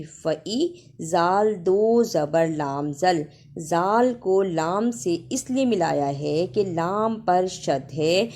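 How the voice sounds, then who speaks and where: A woman teaching Quran recitation. She chants verses slowly and melodically, then explains the pronunciation quickly, letter by letter. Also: medium pitch, a little mellow. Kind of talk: tajweed lesson, chanted recitation with spoken explanation.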